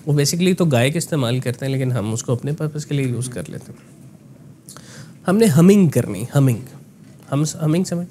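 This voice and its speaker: A man coaching voice work in a relaxed, explanatory conversation, often slipping English phrases into his talk. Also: medium pitch, normal speed, a little hiss or hum. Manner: explanatory, mixes in English phrases, frequent "ना" tags. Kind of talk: conversational voice lesson.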